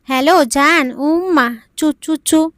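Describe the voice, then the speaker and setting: A woman's voice: high voice, normal speed, a bit bright, dry recording, clean studio sound. Woman voicing a chatty naive girl bride. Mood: teasing. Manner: childlike, chatty and innocent.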